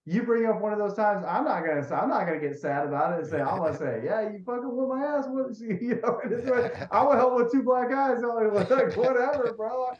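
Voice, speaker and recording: A man's voice: sits high, expressive, fast, few pauses. A man co-hosting a podcast in casual chat, blunt and rambling, often repeating himself. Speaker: podcast co-host. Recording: echoey, dull lo-fi room sound.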